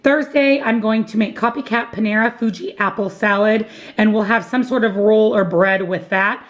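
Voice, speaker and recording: Here a married woman with a job happily shows off her grocery haul and lays out her weekly meals. Her pitch is medium and her pace moderate. She's upbeat and gushing, repeating words for emphasis, as in "love, love, love."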